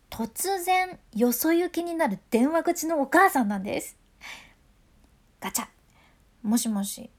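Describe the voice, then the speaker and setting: A woman with a Fukuoka accent giving a chatty, playful voice lesson and acting out example voices. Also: a little high. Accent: Fukuoka dialect of Japanese. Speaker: voice coach. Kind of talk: friendly voice lesson.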